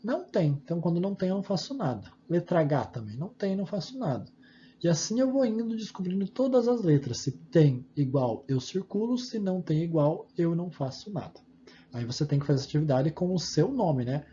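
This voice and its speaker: A man's voice: on the high side, lively intonation, dark tone. A male preschool teacher with a Brazilian accent patiently explains homework to young children, spelling out each step. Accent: Brazilian Portuguese. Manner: patient, slow and sing-song, spelling out steps for small kids. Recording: dull lo-fi audio with faint background hum.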